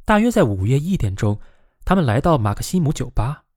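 A man narrates a novel in an animated reading, his pitch rising and falling widely. His voice sits at a middle pitch and sounds dry and close, with no room around it. He lifts his voice when he speaks the characters' lines. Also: brisk, breathy edge, dry recording. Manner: lively, voices the quoted characters with raised pitch.

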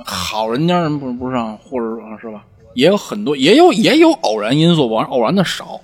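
A man with a Beijing accent telling stories in a casual chat, animated and acting out the shouts of the people in them. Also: medium pitch, normal speed, slightly rough, faint music behind. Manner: animated storyteller, acts out shouts. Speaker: podcast host, former lama.

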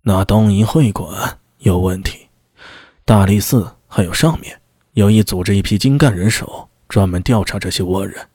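A composed middle-aged county magistrate, voiced by a male audiobook reader speaks in a measured, authoritative way. His voice sits low and slightly husky. The recording is dry and close. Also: a little mellow, no room sound.

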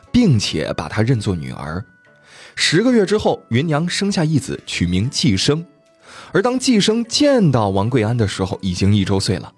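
Male podcast storyteller, lively and colloquial, a slightly husky voice, soft music underneath. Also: mid-range voice. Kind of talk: animated storytelling of folk tales.

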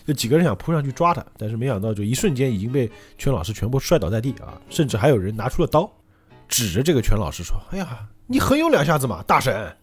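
A man's voice: mid-range voice, fast, breathy edge, faint music behind. A man hosting a podcast, casually retelling a story and acting out every character. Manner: animated, acts out every character. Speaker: podcast host.

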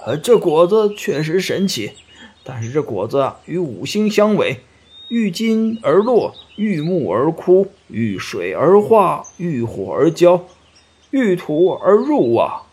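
A man voicing an elderly male earth god who explains things slowly and earnestly in a storybook tale. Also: fairly high pitch, sing-song, darkish tone, slightly rough, pitched above the performer's own voice, full character voice. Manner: slow, drawn-out, explaining.

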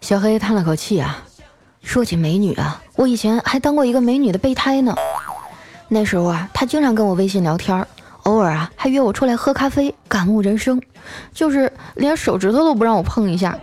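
Brief: female host reading funny anecdotes, mid-pitched and chatty, over light music. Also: lively intonation, a little fast, darkish tone. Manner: chatty, filler 'a' after phrases. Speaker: host of a funny-stories show. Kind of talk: comic storytelling.

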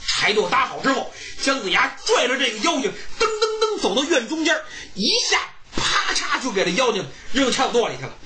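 Woman storyteller, pingshu style, dramatic punchy phrasing, lively swooping pitch, fairly high voice. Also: fairly quick, few pauses, soft background music.

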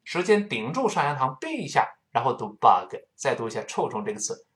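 A male English teacher in a recorded lesson, breaking words down slowly and repeating each sound many times. His voice is animated, rising and falling widely as he explains. His pitch sits in an everyday middle range for a man.

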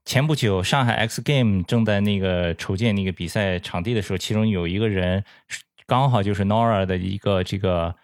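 A man from China hosting a casual chat, speaking with a Chinese accent, mixing English words into his talk and halting when he speaks English. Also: on the low side, dry recording, studio quality. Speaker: host.

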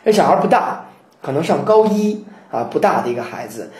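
Animated male chanting teacher, roomy echo. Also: on the high side, fairly quick. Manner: animated explanation with chanted verse examples. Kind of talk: lecture on chanting classical poetry.

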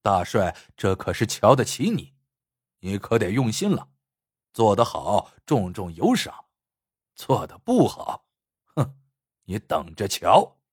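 This is a menacing steward of a warlord's house, a man who sneers and threatens a poor craftsman, voiced by a male storyteller. The voice sits low with a husky edge. The menace bends up and down with lively pitch, close and dry. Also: slow, pauses often, no room sound, heavily acted. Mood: threatening.

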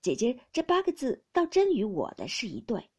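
A woman voicing a playful teenage boy who wheedles and pleads eagerly and loudly in a storybook reading. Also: fairly high pitch, wildly swooping pitch, normal speed, breathy edge, heavily acted. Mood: wheedling.

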